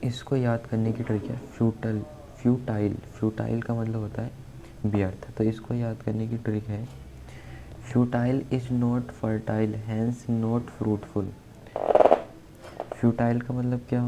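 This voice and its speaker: A man's voice: fairly low pitch, warm tone, low-quality recording. A man teaching exam vocabulary, spelling words out letter by letter and repeating key words as he explains memory tricks. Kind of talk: exam-prep vocabulary lesson. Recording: faint background noise.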